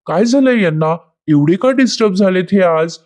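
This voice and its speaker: A woman's voice: fairly low pitch, lively intonation, normal speed, darkish tone, voice pushed up, close to an everyday voice. A woman reading the lines of a caring young wife. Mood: affectionate.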